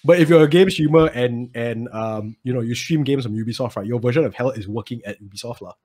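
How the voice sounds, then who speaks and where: A man's voice: mid-range voice, fast, darkish tone. A Singaporean man chatting and joking casually in colloquial Singlish, with plenty of lah and ah. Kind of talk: casual joking chat in a group.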